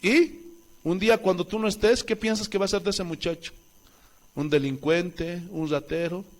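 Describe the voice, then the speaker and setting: Bolivian pastor guy preaching in church, pretty high pitched, keeps asking the crowd if they get it. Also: fairly quick. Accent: Bolivian Spanish. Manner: preaching with rhetorical questions to the congregation; swings between loud emphatic calls and low soft asides. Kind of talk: sermon.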